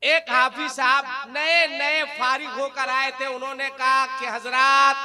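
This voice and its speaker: A man preaching a religious sermon at a large gathering. He sings verses in a ringing chant and then drops into joking asides. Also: extremely high pitch. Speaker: qari and preacher. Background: crowd.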